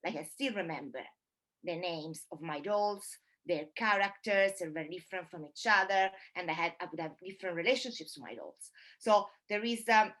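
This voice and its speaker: A woman with a lowish, slightly bright voice moderates an online panel discussion over a video call. She speaks thoughtfully and haltingly, using many fillers.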